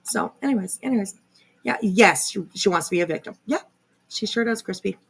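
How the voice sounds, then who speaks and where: A woman with a gravelly, husky, mid-range voice talks fairly quickly as a livestream host reacting to another creator's video. Her casual live commentary rambles, turning sardonic and a bit confrontational.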